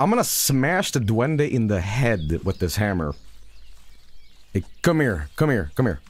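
Rambling, profane male streamer. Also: lowish voice. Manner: rambling and profane, with sudden loud outbursts. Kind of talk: casual live-stream commentary.

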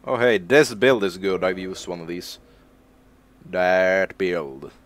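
A man's voice: sits low, slow. A man from Sweden giving casual live-stream commentary while he plays a game, rambling, joking at his own expense and swearing casually. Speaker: gaming streamer.

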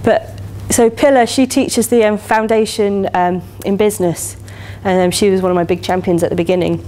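Standing by the lectern of a lecture hall, an English-accented keynote speaker in her thirties talks to a conference in an enthusiastic, conversational style full of "you know" fillers. She has a mid-range, dark voice with a steady tone and speaks at normal speed.

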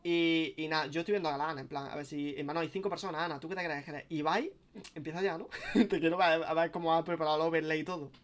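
A young man streams and chats on and on. His voice sits somewhat high for a man, and his sentences restart often and carry casual swearing. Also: fairly even intonation, quick pace. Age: young adult. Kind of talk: casual live-stream chat.

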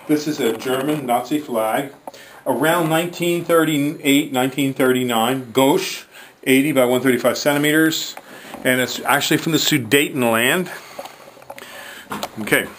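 Filming with a handheld camera, a man who sells antiques from hauling jobs talks casually in a plain, rambling way and reads old items aloud. His voice is fairly high and a bit bright, with slight background noise.

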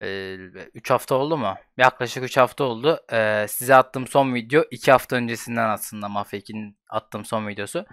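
A young man runs a casual let's-play, joking and cursing as he goes. His voice is smooth and clear. The sound is dry and close. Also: mid-range voice, brisk, hardly any pauses, a bit bright, no echo. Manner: joking, swearing, chatty. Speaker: gaming YouTuber.

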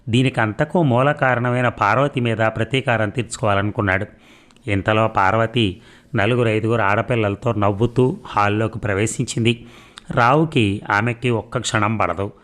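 A man narrating a story in a measured, expressive reading. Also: mid-range voice.

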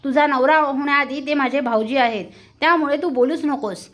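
A woman's voice: high voice, normal speed, fairly bright tone. A woman voicing a firm young married woman who lectures her in-laws in a stern way.

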